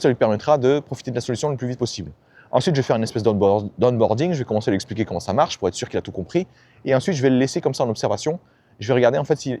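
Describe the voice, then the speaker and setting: A self-help YouTuber gives a blunt, slangy motivational monologue about ambition and failure, often acting out the people he quotes. His mid-range voice has a dark tone, with no room sound.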